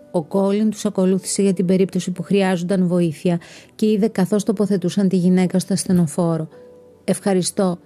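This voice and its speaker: Low-voiced woman reading a story. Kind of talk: scripted narration. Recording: narration over soft background music.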